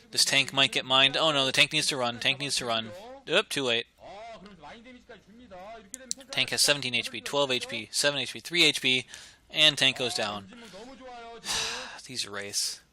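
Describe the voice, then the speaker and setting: A man commentating a strategy video game, talking through the action casually and getting excited and laughing at big plays. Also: medium pitch, rough recording. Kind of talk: esports play-by-play commentary.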